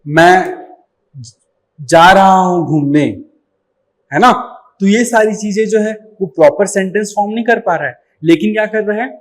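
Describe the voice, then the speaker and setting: A man's voice: high voice, a little fast, low-quality recording. A young man teaching a live online exam-prep lesson. He explains step by step, calls his students "beta", and asks the class questions that he then answers himself. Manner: calls students 'beta' affectionately.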